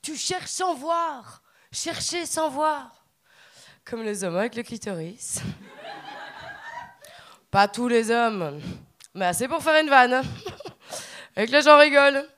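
A woman from Belgium with a Belgian French accent, performing a stand-up set on stage with deadpan, punchy asides. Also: high-pitched, unhurried, long pauses. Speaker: stand-up comedian.

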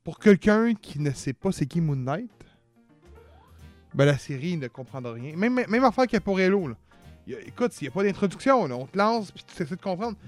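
A man's voice: high voice, sing-song, brisk, soft background music. A man with a Québécois accent in casual chat, telling a story and quoting others with animation. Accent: Quebec French. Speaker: podcast co-host. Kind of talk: casual chat, retelling a conversation.

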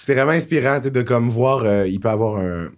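A man's voice: mid-range voice, brisk. A man in his twenties with a Quebec French accent, a podcast guest telling stories in casual chat and laughing often. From Saguenay, Quebec. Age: 20s. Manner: animated storyteller, laughs often.

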